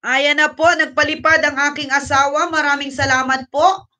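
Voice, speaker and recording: During a casual livestream, a woman speaks out of breath, chatting and thanking viewers while weaving English into her Tagalog. The distant recording captures a high, bright, forceful voice with a steady tone and moderate pace.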